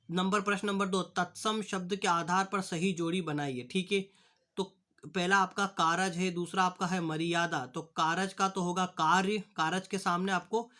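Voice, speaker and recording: A young male teacher goes through textbook questions one by one, stopping and restarting his words as he goes. His voice sits high and sounds bright and forceful. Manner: halting, repeats "ठीक है" and restarts words. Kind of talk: classroom lesson explaining answers.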